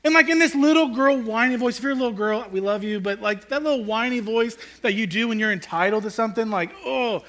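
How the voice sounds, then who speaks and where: Bright-voiced pastor preaching. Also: male voice, very high-pitched, quick pace, few pauses. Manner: conversational, animated, swings from loud to hushed. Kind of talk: sermon. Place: church hall with congregation.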